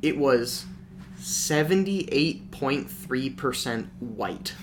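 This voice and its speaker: A man's voice: medium pitch, animated, drawn-out words, background noise. A young man guesting on a casual podcast, rambling with lots of filler words. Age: young adult. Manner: rambling, many "like" fillers, crude jokes.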